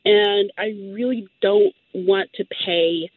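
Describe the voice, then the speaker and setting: A woman's voice: medium pitch, slow pace, no room sound. A woman in her late twenties from Los Angeles, calling in to a radio show, talking in an eager, chatty way with lots of fillers. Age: late 20s. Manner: enthusiastic and talkative, with fillers. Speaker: caller. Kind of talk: call-in conversation. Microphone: phone line. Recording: tinny phone line.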